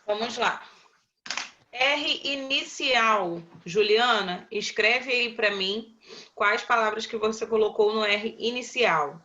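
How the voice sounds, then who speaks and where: Uma professora brasileira dando aula online, chamando os alunos pelo nome e repetindo as respostas com paciência. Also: female voice, fairly high pitch, pushed and bright, dull audio, slight background noise. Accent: Brazilian Portuguese. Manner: patient, slow, calls on pupils by name and repeats answers. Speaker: primary school teacher. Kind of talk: online class, quizzing pupils.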